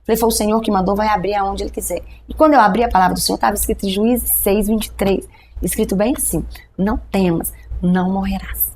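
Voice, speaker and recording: Middle-aged Brazilian woman pastor, rapid lively storyteller, acts out the dialogue, faint background noise. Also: mid-range voice. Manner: animated storytelling, acting out dialogue with a doctor. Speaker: pastor, guest telling her testimony. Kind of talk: testimony in a podcast interview.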